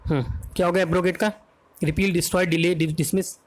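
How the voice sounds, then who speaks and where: A man with an Indian accent teaching English vocabulary for an exam, talking fast in a quiz style and often checking that students follow. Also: sits high, level tone. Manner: fast, drills answers with repeated "है ना?" checks.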